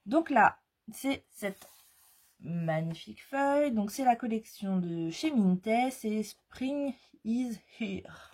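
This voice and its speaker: A woman talks through a crafting haul in an easy, unhurried chat. Her voice is mellow and slightly husky, and she pauses often on fillers as she goes. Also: medium pitch, animated. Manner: chatty, hesitant with frequent fillers. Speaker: scrapbooking vlogger. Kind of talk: casual product haul chat.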